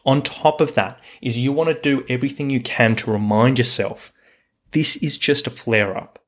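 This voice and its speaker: A hiking coach hosts a solo coaching podcast, speaking at medium pitch and a moderate pace. He is earnest and reassuring, repeating words for emphasis.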